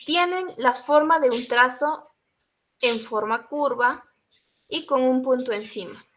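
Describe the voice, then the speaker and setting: Bright-voiced young woman presenting. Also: sits high, slow. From Peru. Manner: explanatory, adds tag questions. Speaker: university student presenter. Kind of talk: class presentation.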